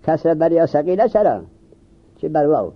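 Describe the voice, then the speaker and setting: A man teaching a seminary-style grammar class. His voice sits a little high, and he keeps asking questions and then answering them. The recording is muffled and lo-fi. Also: very animated. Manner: questions students and answers himself. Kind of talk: classroom lecture on Arabic grammar. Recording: dull lo-fi recording.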